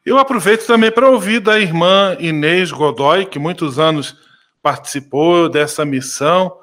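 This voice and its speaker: A man hosting a radio interview, speaking clearly and repeating details for listeners. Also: on the high side, moderate pace, fairly bright tone. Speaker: radio show host.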